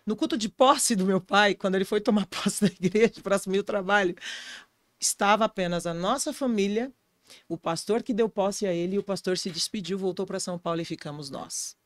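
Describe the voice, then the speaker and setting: A woman's voice: mid-range voice, fairly quick, dry recording. A woman pastor with a Brazilian accent, telling a personal testimony in an interview and acting out the voices of people in her story. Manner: vivid storyteller who acts out quoted voices. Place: podcast studio.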